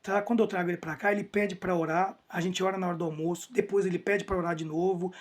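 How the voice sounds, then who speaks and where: A man with a husky, slightly breathy voice gives an emotional personal testimony. He speaks earnestly and repeats key phrases for emphasis. His sentences often break off and start again. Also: sits high, fairly even intonation, quick pace. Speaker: church member giving a testimony.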